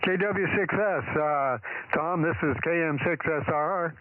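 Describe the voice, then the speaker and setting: A man's voice: fairly high pitch, measured pace. A man on a two-way radio net, matter-of-factly relaying call signs and checking who is on. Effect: two-way radio transmission with heavy static. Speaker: amateur radio net operator. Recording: tinny radio with loud hiss.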